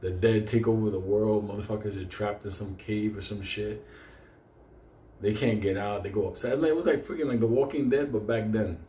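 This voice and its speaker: A low-voiced native Spanish speaker from Puerto Rico or a Puerto Rican community talks briskly in a steady, warm tone. As storyteller and host, he rambles through casual, profane comedic stories, swearing heavily and frequently breaking into laughter. He's recorded in an echoey room with faint background noise.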